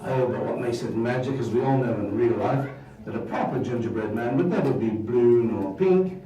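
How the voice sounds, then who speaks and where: A man's voice: mid-range voice, normal speed, crowd noise, close to an everyday voice. A man playing a jolly, bumbling Christmas wizard doing stage magic for a live audience, theatrical and chuckling. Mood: playful. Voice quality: theatrical, sing-song, chuckling. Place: stage in a hall. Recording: roomy hall, from far off.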